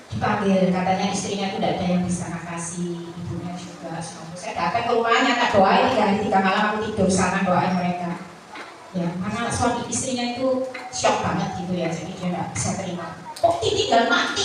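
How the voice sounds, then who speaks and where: A woman preacher, giving a Sabbath sermon and telling her own story in an animated way, acting out the people she quotes. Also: mid-range voice. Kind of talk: Sabbath sermon with personal testimony. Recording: echoey hall, voice from far off, ambient noise.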